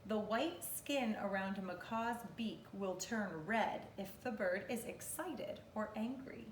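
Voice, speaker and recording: A kindergarten teacher in her thirties reads aloud to young children, expressive and instructive, pausing to ask them questions. She speaks at medium pitch and a little slowly, recorded in her living room by a camera or phone a few metres away, so the sound is roomy with faint noise.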